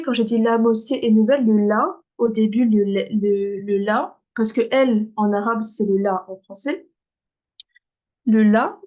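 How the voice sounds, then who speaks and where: A woman teaching beginners to read Arabic, patiently repeating words slowly and checking in with "ok?". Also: a little high, a little mellow. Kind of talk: beginner lesson.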